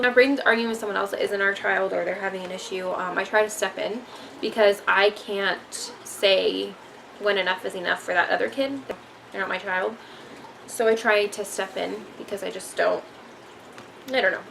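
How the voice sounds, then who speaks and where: Young mom rambling frankly, slightly gravelly. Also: female voice, mid-range voice, a bit bright, slight background noise, poor audio. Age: young adult. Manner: rambling, frank, many ums. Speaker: vlogger, mother of three. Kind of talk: casual parenting talk to camera.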